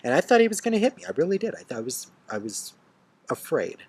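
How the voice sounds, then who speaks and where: A man telling a bitter story in an angry rant, swearing and swinging from hushed seething to loud outbursts. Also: mid-range voice, wildly swooping pitch, quick pace, husky. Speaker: storyteller ranting to camera. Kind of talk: angry first-person rant.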